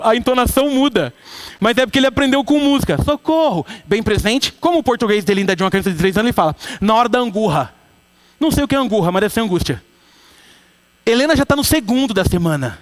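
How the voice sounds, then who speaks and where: A man in his thirties from Brazil, a pastor delivering a lively sermon to his church and acting out quoted voices. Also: sits high. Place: church sanctuary.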